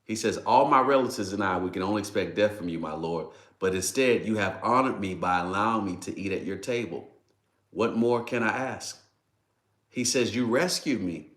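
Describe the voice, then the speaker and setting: A man with a low voice delivers a devotional sermon, acting out scripture dialogue. He gets emotional and keeps repeating exclamations. The room around him is echoey. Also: moderate pace, fairly bright tone. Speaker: preacher. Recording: roomy echo.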